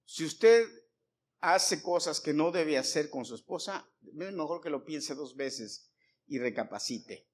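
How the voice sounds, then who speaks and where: Emphatic high-voiced pastor preaching. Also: male voice, lively intonation, a little slow. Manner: emphatic, repeats points and questions the congregation. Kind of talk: sermon. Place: church before a congregation.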